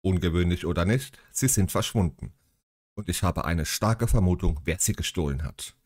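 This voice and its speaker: A man voicing a gruff, commanding older English lord in a read-aloud story, speaking curtly. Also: low voice, moderate pace, a little mellow, no echo, studio quality. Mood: stern. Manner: curt, commanding.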